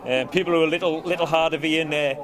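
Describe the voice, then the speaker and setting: A man's voice: a little high, steady tone, very fast. Cumbrian man chatting over crowd noise. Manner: rambling, peppered with "you know". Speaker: rock band musician being interviewed. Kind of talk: casual interview chat. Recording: busy crowd chatter around. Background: crowd chatter at a live event.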